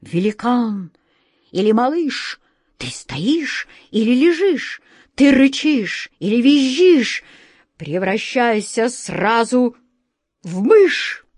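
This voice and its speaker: An excitable striped tomcat wizard from a storybook, as a woman reader puts him on, jumping high and loud as he fusses and pleads. His words come out slowly, as if he has to push each one. The sound is dry and close. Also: no echo, full character voice. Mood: threatening. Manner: fussy, pleading, then threatening.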